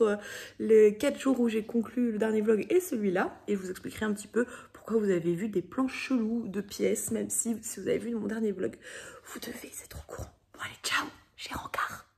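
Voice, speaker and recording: Gravelly, mellow young woman vlogger, whispering asides. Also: mid-range voice, brisk. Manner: dramatic, mock-outraged, drops to whispers. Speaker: book vlogger. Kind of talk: casual vlog chat, half whispered.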